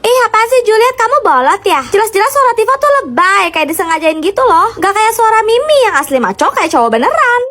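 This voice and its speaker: A woman's voice: very high voice, big pitch swings, quick pace, few pauses, a bit bright. A woman voicing a vain, fake-cute schoolgirl who whines and talks about herself in the third person. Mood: smug. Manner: whiny, cutesy, refers to herself in third person.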